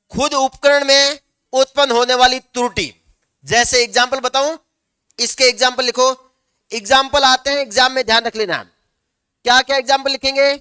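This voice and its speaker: Male teacher, lecture delivery, self-answering questions, dictates slowly at times. Very clear, crisp tone. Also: very high voice, sharp tone, dry recording, clean studio sound. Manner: asks the class questions and answers them himself; slows down to dictate notes word by word. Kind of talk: classroom lecture.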